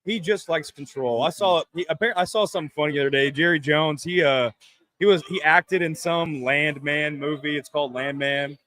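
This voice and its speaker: A man co-hosting a casual sports talk show, rambling with halting restarts and jokey asides. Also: a little high, fairly even intonation, pushed and bright, no room sound.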